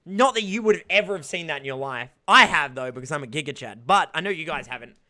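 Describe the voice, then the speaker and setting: A man's voice: on the high side, lively intonation, fast talker, bright, forceful tone. A young man streaming a visual novel, reading it aloud and bantering with chat in a crude, swearing, mock-boastful way.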